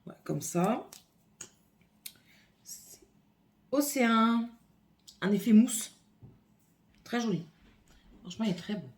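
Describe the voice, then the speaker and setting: A woman's voice: a little high, expressive, slow pace, pauses often. A woman vlogger filming a casual makeup haul at home on her phone, chatting and thinking aloud as she opens and swatches products. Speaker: beauty vlogger. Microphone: phone camera.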